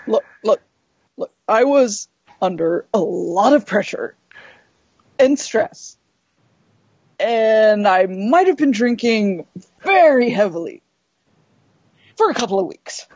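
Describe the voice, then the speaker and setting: A woman's voice: medium pitch, very animated, slow, long pauses, a little mellow, dry recording, lo-fi sound, exaggerated voice. A woman playing a tipsy, indignant, stammering hotshot in an improvised comic role-play, making excuses. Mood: sheepish, evasive. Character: boozy, defensive, evasive male hotshot pilot and his exasperated princess.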